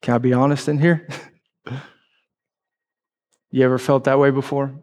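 A man's voice: mid-range voice, flat delivery, normal speed, a little mellow. A man preaching a sermon, telling a personal story candidly and emotionally.

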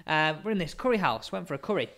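An English man co-hosting a podcast, telling stories in a casual, animated way and acting out what people said. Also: fairly high pitch, rapid-fire. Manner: animated storyteller, laughs and acts out quotes. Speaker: podcast co-host. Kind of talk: casual chat, storytelling.

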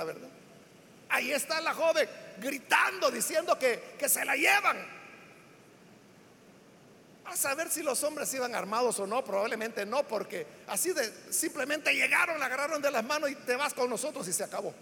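High-pitched preacher man, emphatic, echoing hall. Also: expressive, normal speed, creaky, slight background noise. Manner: emphatic, rising into shouts on key words; builds lists with repeated phrases. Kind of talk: sermon. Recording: long hall reverb.

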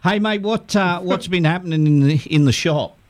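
A man's voice: high voice, moderate pace. A man with a North Queensland Australian accent, hosting a radio show in casual, matey chat. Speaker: fishing show host.

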